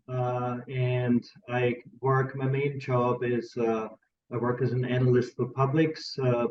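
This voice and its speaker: An Austrian-accented man talks as a guest producer in an interview, earnest and a little hesitant, leaning on filler sounds between thoughts. His voice sits at a middling pitch. The audio is dull and lo-fi, and he sounds set back from the microphone. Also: darkish tone, recorded from a distance. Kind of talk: interview conversation.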